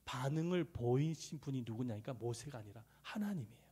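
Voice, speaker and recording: A middle-aged male pastor preaching a sermon, swinging between loud rises and soft near-whispers, and acting out quoted voices. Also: medium pitch, animated, a little fast, breathy edge. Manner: acts out quoted voices in dialogue.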